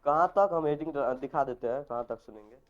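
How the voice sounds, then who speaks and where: A man's voice: mid-range voice, brisk, lo-fi sound. A male physics teacher, giving a classroom lecture and quizzing his students. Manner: instructive, assigns homework and quizzes the class with repeated questions.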